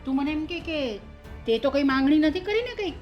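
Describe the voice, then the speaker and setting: An actress playing a stern middle-aged mother who presses her daughter-in-law about her son's missing money, insistent and accusing, with soft music behind. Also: sits high, lively intonation, a little fast, dull audio. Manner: accusing, insistent, lists sums and grievances. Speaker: actor in a family drama. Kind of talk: short-film drama acting. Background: soft background music.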